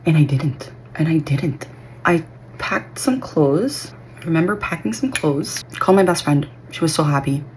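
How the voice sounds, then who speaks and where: A woman's voice: sits low, lively intonation, normal speed, darkish tone, slight background noise. A woman beauty vlogger telling a personal story in a casual get-ready-with-me chat, filling her talk with "like" and "okay?". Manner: chatty, heavy use of filler like and okay. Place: at home doing makeup.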